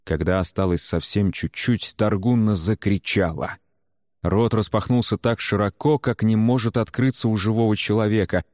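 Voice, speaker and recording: A man with a fairly low-pitched voice narrates an audiobook in a measured, even storytelling manner. The sound is clean studio quality, without echo.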